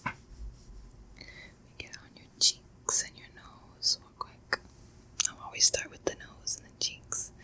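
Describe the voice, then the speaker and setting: A woman whispering softly and slowly through a pampering facial and calm breathing guidance. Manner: soft unvoiced whisper, slow soothing guidance. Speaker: ASMR creator. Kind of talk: ASMR whispered facial role-play.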